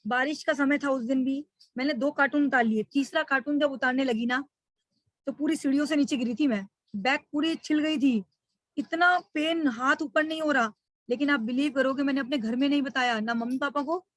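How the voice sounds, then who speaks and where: A woman's voice: high voice, fairly bright tone, dry recording. A middle-aged woman giving a motivational webinar talk, telling her story with emotion and speaking straight to her listeners as friends.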